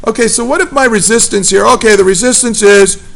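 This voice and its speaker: A man's voice: high voice, brisk, vocal fry, a bit bright. A man teaching a physics class, casual and chatty, often checking in with the students. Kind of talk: classroom lecture.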